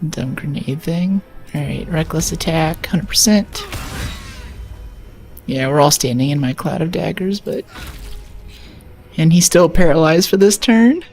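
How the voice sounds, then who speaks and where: A woman's voice: deep voice, unhurried, pauses often, a little mellow, soft background music. A woman streamer talking casually through a video game, thinking aloud and chatty. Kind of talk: casual gameplay commentary.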